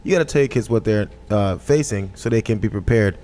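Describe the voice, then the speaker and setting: A man's voice: on the low side, a little fast, dark tone, in a large hall, soft background music. A man speaking as a panelist in an easygoing way, with rambling restarts. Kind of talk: panel talk.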